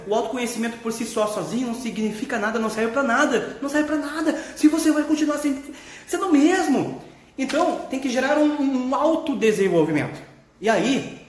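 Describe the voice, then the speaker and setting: Gaucho therapist guy vlogging, blunt and expressive, swears a lot, roomy echo. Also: very high-pitched. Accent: Gaúcho Brazilian Portuguese. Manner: candid, expressive, swears freely, laughs while talking. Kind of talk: casual vlog talk. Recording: echoey room.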